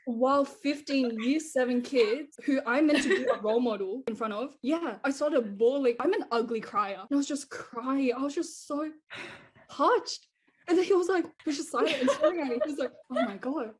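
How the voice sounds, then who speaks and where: A woman's voice: high-pitched, normal speed, breathy edge. Rambling teenage girl storyteller. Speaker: student podcast co-host. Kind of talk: casual chat.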